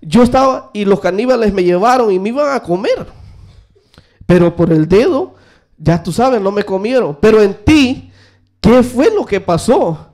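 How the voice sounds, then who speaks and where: A man's voice: high-pitched, lively intonation, normal speed, darkish tone, voice pushed up. A man playing a hot-tempered king in a sermon story, scolding and impatient. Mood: overjoyed. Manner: exasperated, scolding.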